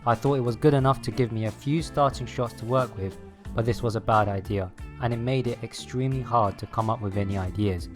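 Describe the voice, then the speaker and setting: A man reading a scripted voice-over as a video creator, explaining his process step by step. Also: mid-range voice. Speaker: video creator narrating his own making-of. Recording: music behind the voice. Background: background music.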